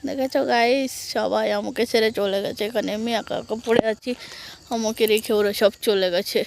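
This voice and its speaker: Hoarse woman vlogger, high-pitched, playful mock-complaining, filmed outdoors on a phone. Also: fairly even intonation, moderate pace, slight background noise. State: hoarse from a cold. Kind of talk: casual vlog chat to viewers. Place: outdoors in open farm fields.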